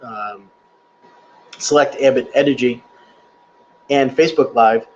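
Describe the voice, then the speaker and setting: A man's voice: medium pitch, takes it slowly, darkish tone. Guy rambling thru a livestream q&a, chuckly and loose, bit of a muffled webcam sound with faint hiss. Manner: chatty and rambling, laughs at himself. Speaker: livestream presenter answering viewer questions. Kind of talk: casual live Q&A. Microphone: webcam or laptop mic on a live stream.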